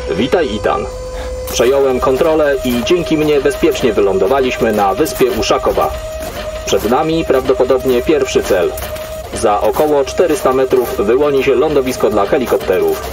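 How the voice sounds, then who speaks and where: A man voices an emotionless military AI in control of a soldier's body, giving clipped, formal reports for a sci-fi audio drama. His mid-range voice has lively intonation at a moderate pace, yet the mood stays cold and detached. It's lightly acted, with music in the background.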